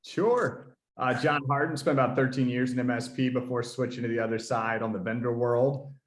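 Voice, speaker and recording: A man's voice: medium pitch, fairly even intonation, brisk. A man chatting casually on a livestream, with a strong echo as if inside a concrete bunker. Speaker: software company founder, guest. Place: echoey indoor office with whiteboard.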